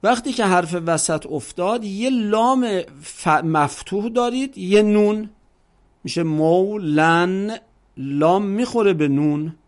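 In a high-pitched voice, a man gives a patient Arabic grammar lesson, stretching his words out and posing rhetorical questions.

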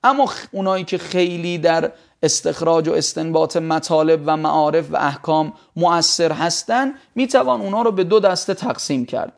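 A man's voice: on the high side, vocal fry. A male teacher giving a classroom lecture on grammar, quizzing his students and spelling out vowel sounds.

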